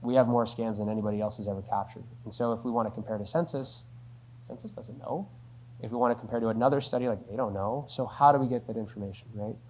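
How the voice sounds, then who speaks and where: In a conversational Q&A, a man representing his company explains a business answer step by step, tagging lines with "right?" again and again. His voice sits mid-range, a bit mellow, and he talks fast.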